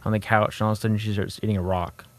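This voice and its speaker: A young man co-hosting a casual podcast chat, talking in a rambling, halting way with many restarts. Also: on the low side, little pitch movement, a little hiss or hum. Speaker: podcast co-host.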